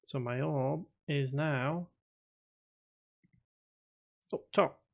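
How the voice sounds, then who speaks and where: A man hosts a casual live stream in a high-leaning, creaky voice, drawing out his words as he codes and thinks aloud. He reads chat questions out loud, talks to himself as he types, and calls his voice boring.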